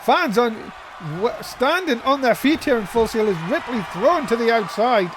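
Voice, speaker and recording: A man calling a wrestling match play-by-play as a commentator, in an excitable, exclaiming manner. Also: very high-pitched, moderate pace. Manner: excitable, exclaiming at big moves. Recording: loud crowd noise behind commentary. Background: noisy crowd.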